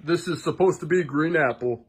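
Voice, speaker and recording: A man's voice: fairly high pitch, normal speed, husky. A man chatting casually as he films pranks on his grandmother at home with a phone. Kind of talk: casual prank vlog chat. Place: indoors in a home. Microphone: phone he is holding while filming.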